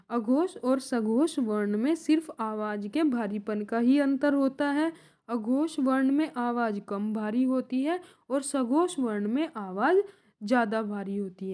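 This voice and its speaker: Slightly high and slightly mellow, the voice belongs to a young woman giving an exam-prep grammar lesson. She moves slowly, turning points into questions she then answers herself.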